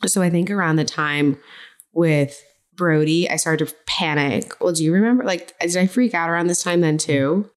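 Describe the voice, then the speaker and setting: A podcast host with a low, raspy voice who sounds worn out and a little short of breath. She talks in a loose, chatty way, wandering off and restarting her sentences as she goes. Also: moderate pace. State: tired, winded. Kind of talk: solo podcast intro then casual chat.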